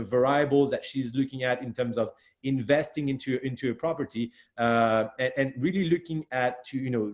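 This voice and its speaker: A man's voice: mid-range voice, a little mellow. A man with a French accent hosting an online panel webinar, talking with many fillers and restarts. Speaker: webinar host.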